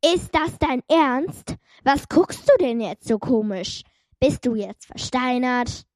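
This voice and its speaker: Small teasing demon girl, voiced by a woman; slow and dry, close to the mic. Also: high voice, expressive, a little mellow, dry recording. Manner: teasing, sarcastic. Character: small, cheeky young female demon.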